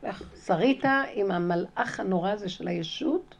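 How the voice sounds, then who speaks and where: A woman giving a spiritual lesson through a personal story, animated and emphatic, re-enacting her own conversations and repeating key phrases. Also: medium pitch, creaky.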